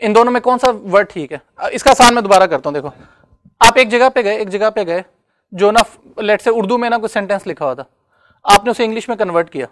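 A man's voice: high-pitched, fairly quick, a little hiss or hum. Male lecturer, chatty. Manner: conversational, checks understanding often. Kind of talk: classroom lecture.

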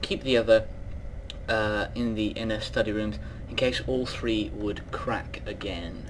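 A man's voice: on the low side, fairly even intonation, measured pace, a little hiss or hum, low-quality recording. A young British man co-hosting a let's-play, joking, swearing and talking over the game. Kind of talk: casual gaming commentary.

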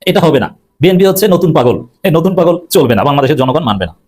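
Male pundit, fast, slightly high, combative and repetitive, for a politics segment. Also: expressive, darkish tone. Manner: fillers and self-corrections. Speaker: political commentator. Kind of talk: opinionated political commentary.

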